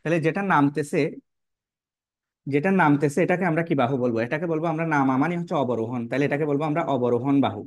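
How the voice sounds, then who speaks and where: A man walks students through a diagram in a recorded lesson. His voice sits a little high for a man, and he keeps asking questions and repeating each term. The sound is close and dry, with no room echo. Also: fast. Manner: repetitive, checks in with "কেমন?" and rhetorical questions. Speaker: biology teacher. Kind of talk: online lesson, explaining while drawing.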